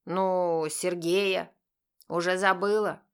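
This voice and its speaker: A cheeky teenage brother, the eternal joker, as a woman reader puts him on in an audiobook. He talks a little lower and louder, playful and teasing. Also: steady tone, takes it slowly, smooth. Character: cheeky joking teenage brother, always hungry.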